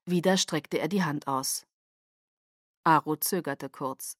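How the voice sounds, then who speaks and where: A woman narrating a novel in first person, measured and dramatic, close to the mic. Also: sits low, no echo. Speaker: audiobook narrator.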